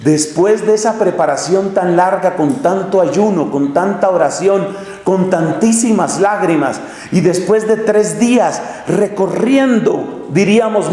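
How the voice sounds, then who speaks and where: A man preaching a sermon, telling stories dramatically with big swings in pitch and pace. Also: warm tone. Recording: echoey church hall.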